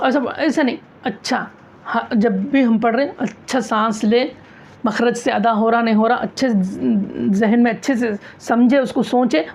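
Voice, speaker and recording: A woman teaching a recitation class, asking questions, answering them herself and repeating key phrases. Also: fairly high pitch. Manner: demonstrates sounds aloud, loud and drawn out. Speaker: tajweed teacher. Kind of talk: classroom lesson on Quran recitation. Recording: dull lo-fi classroom recording.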